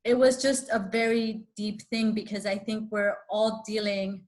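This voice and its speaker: A woman from Chile speaking as a panelist, earnest and reflective, with fillers and the odd soft laugh. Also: medium pitch, steady tone, a little slow. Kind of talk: panel discussion.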